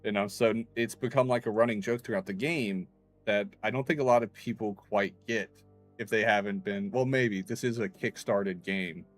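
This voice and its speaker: A man's voice: fairly low pitch, moderate pace, faint music behind. A man livestreaming a game, telling stories in a chatty way and laughing often. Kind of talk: casual gameplay commentary.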